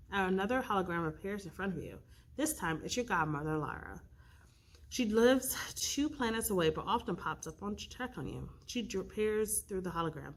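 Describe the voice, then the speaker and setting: A woman reading an interactive storybook aloud, expressive and stopping to pick the story's path. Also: on the low side, husky. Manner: expressive, with slips and restarts, rolling dice for choices. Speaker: youth librarian reading aloud.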